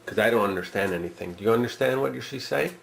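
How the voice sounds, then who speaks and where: Father at family table, male, gently coaxing, gravelly, swooping pitch, casual talk with children. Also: lively intonation, fast talker. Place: indoors at a family dinner table. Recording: echoey room.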